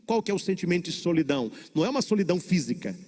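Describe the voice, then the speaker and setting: High-voiced Brazilian priest preaching in a church. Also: male voice, very animated, darkish tone, long reverb tail. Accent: Brazilian Portuguese. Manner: preaching with dramatic pauses and repetition. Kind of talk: sermon.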